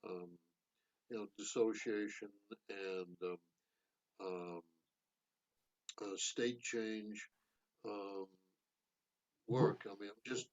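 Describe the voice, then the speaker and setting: A man's voice: fairly low pitch, lo-fi sound. A man in a video call discussion, talking hesitantly with many fillers and restarts. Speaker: discussion participant.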